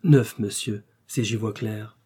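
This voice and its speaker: A man voicing a weathered old male sea pilot who speaks plainly and with respect, in a husky tone. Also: lowish voice, slow, mellow. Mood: grave.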